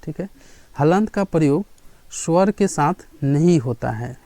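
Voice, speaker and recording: A man's voice: fairly high pitch, lively intonation, measured pace, dark tone. Man teaching with constant check-ins. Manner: checks in with students again and again, asks and answers his own questions. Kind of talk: classroom grammar lesson.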